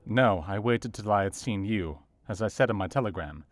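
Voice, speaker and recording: An actor playing an earnest, educated Victorian doctor, narrating his diary in a measured, formal way for an audio drama. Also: lowish voice, slight background noise, lightly acted. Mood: sober, reflective. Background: soft guitar music.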